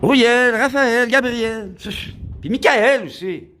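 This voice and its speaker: High-voiced Québécois man rambling grandly. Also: slow pace, a bit bright. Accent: Québécois French. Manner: rambling, preachy, grandiose, frequent giggles. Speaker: vlogger. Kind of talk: rambling street vlog monologue. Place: outdoors in a downtown area.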